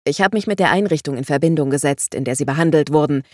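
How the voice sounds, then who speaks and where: A woman's voice: deep voice, fast talker, a little mellow, no room sound, studio quality. A woman voicing a composed male neuropsychologist in a crime audiobook. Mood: calm.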